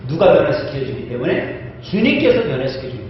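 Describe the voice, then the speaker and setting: Male pastor, animated conversational sermon, heard from a distant mic with a dull sound. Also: medium pitch, a little fast, slight background noise. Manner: animated, conversational, asks the congregation questions. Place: church sanctuary. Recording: echoey church hall, distant mic, dull.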